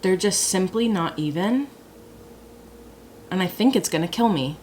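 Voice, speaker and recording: A young woman chats her way through a makeup routine in a fairly low voice, with a faint hiss of noise under it. She is dramatic and quick to laugh at her own mistakes. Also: animated, a little mellow. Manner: chatty, dramatic, self-mocking. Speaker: beauty vlogger. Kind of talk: casual chat while doing makeup.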